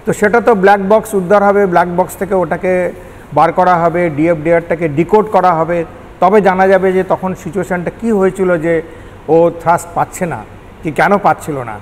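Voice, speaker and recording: A retired air traffic control manager, an older man with a Kolkata Bengali accent, answers news interview questions in a high, steady voice at normal speed. He walks through each point step by step, slipping English technical terms into his explanations. The echoey hall carries background noise.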